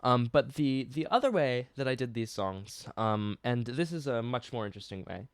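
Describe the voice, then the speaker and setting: A man's voice: medium pitch, animated, normal speed, clean tone, no echo. Rambling man breaking down his songs. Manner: rambling, self-interrupting, laughs at himself; stops and restarts to play keyboard and guitar. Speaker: singer-songwriter. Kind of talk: casual song breakdown.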